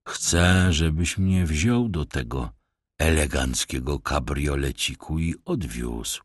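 A man voicing a sly, menacing old vagabond in an audiobook, speaking in a low, ironic, threatening drawl. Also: slow, dry recording, studio quality, full character voice. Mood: insinuating. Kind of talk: audiobook character voice.

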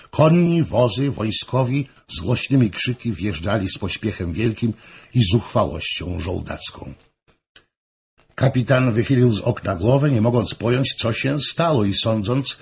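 A man narrates a historical novel as an audiobook, expressive and measured. His voice is low and strongly husky, and his pitch moves in lively swings.

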